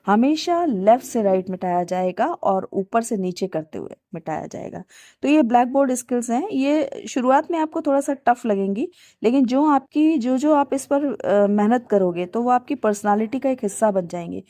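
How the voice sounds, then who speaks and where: A woman teacher educator speaks with an Indian Hindi accent, pitched a little high. She explains step by step in a casual teaching tone, with frequent fillers and English terms mixed in. The sound is dry and close. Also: dark tone, dry recording. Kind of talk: casual spoken lesson on teaching skills.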